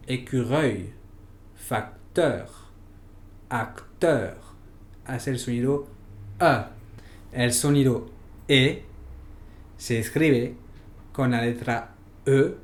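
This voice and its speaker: Man, French accent, pronunciation teacher, very slow, spells out letters, echoey room. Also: mid-range voice, a little mellow. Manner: slow, spells out letters one at a time and models each sound. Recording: roomy echo.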